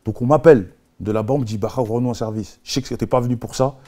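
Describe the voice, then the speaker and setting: A man, an interview guest, telling his story casually in heavy street slang, animated and full of sound effects. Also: medium pitch, fast talker.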